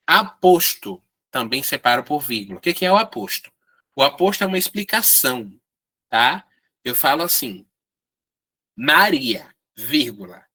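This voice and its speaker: A man's voice: medium pitch, pushed and bright. A man teaching an online writing workshop, explaining step by step and often checking in with his students. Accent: Brazilian Portuguese.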